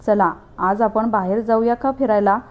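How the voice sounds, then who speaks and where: A woman voicing a caring young woman neighbor, an older-sister type, in a storybook reading, gentle and coaxing. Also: mid-range voice, moderate pace, close to an everyday voice.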